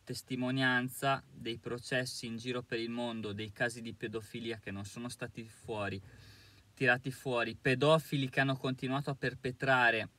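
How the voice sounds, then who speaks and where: A man's voice: mid-range voice, little pitch movement, moderate pace, pushed and bright, no room sound. A man giving an indignant, emphatic monologue to camera as a commentator, with hesitant fillers between his points. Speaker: YouTube commentator.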